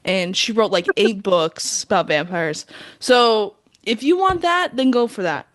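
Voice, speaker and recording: A woman's voice: mid-range voice, expressive, unhurried. A young woman co-hosting a podcast, chatting casually in a playful, teasing manner. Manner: playful, teasing, short remarks and laughs. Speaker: podcast co-host. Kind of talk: casual chat.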